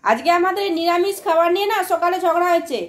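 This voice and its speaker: A woman's voice: extremely high pitch, fast talker, reverberant. A middle-aged woman, chatting to viewers as she cooks in her home kitchen and often checks they are following. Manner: chatty, often asks "all right?" to viewers. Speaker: home cooking vlogger. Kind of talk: casual home vlog chat.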